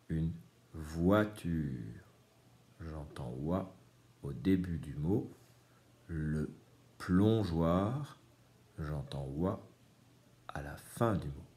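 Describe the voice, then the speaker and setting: A man's voice: extremely low pitch, darkish tone. A man teaching a reading lesson to young children, patiently explaining each word. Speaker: primary school teacher.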